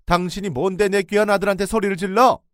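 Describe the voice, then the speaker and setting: A man voicing a furious, domineering older woman, an in-law who scolds in shrill shouts. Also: fairly even intonation, quick pace, no room sound, studio quality, lightly acted. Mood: indignant.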